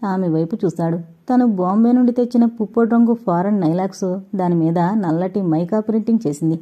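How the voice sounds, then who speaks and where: A woman narrating an audio novel in a steady, expressive reading style, on a dull lo-fi recording. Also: mid-range voice, a little fast. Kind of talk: scripted story narration.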